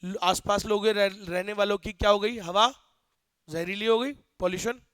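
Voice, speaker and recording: A young male teacher lecturing a class in an animated, joking way, often quizzing students, with phrases. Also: sits high, normal speed, clear, resonant tone, no room sound. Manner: animated, asks students questions, jokes.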